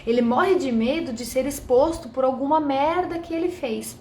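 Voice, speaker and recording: A woman's voice: high voice, normal speed, a little mellow, echoey room, a little hiss or hum. A woman from Brazil teaching a mentoring group live, chatty, addressing viewers directly and reading their comments aloud.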